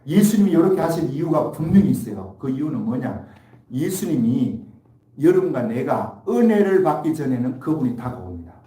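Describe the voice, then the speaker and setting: A male pastor delivering an animated Sunday sermon in a fairly high but mellow voice. He acts out quoted speech and throws questions at the congregation. The sound is roomy and picked up from some distance in a church hall. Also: normal speed. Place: church sanctuary. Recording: echoey hall, mic from far off.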